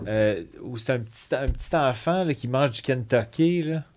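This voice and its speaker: A man's voice: medium pitch, moderate pace, a little mellow. Hesitant Québécois man chatting. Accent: Québécois French. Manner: hesitant, many fillers and restarts. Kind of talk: casual chat.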